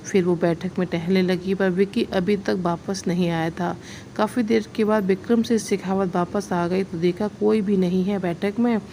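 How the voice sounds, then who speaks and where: A woman reads a story aloud in a plain, steady way, with small slips. Her voice is mellow and darkish, with a faint hiss of noise behind it. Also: mid-range voice, normal speed. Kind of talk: read-aloud story narration.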